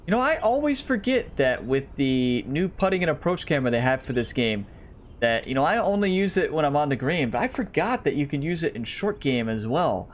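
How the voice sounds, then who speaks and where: A gaming YouTuber with a fairly high, very animated voice talks a little fast, chatting with his viewers during casual let's-play commentary. He's slightly losing his voice, so it sounds a bit worn, and there's a faint hiss or hum on the recording.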